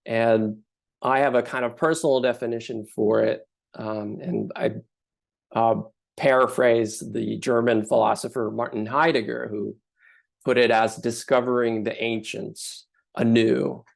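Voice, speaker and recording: A man from Finland, giving a thoughtful artist talk with frequent pauses and fillers. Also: medium pitch, fairly even intonation, creaky. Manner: thoughtful, hesitant with many fillers.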